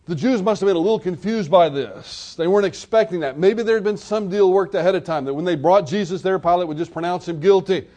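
A man's voice: high-pitched, fast talker, hardly any pauses, warm tone. A man preaching a sermon, retelling a scene in vivid storytelling detail.

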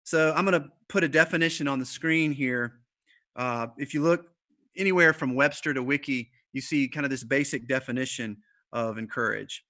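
A man preaching a conversational sermon, speaking to the congregation and the children watching online, with fillers and repeated starts, slowing down for emphasis. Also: medium pitch, sharp tone. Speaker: pastor. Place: church service streamed online.

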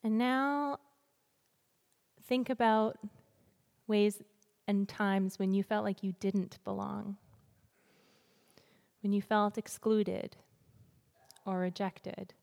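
A woman leads a gentle guided reflection at an unhurried, soothing pace. Her pitch is average and she leaves deliberate pauses between short invitations. The sound rings with the long reverb of a hall. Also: fairly even intonation, vocal fry. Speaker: guest church speaker. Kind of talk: gentle guided breathing and reflection before a sermon. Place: large church hall, speaking to a congregation.

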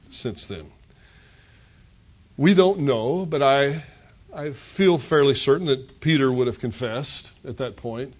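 An older man preaching a sermon, retelling scripture as a story and voicing the characters' words. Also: medium pitch. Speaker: pastor.

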